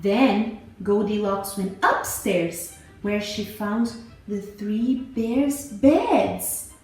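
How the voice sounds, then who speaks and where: A woman, a teacher, reading a story aloud to children in a slow, animated, sing-song way. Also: medium pitch. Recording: very echoey room, faint music.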